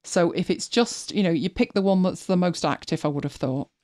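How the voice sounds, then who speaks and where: A woman's voice: fairly low pitch, fairly quick, a little mellow, no room sound, clean studio sound. A woman hosting a live stream, chatting casually as she walks viewers through her screen, thinking aloud and often restarting her sentences. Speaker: host.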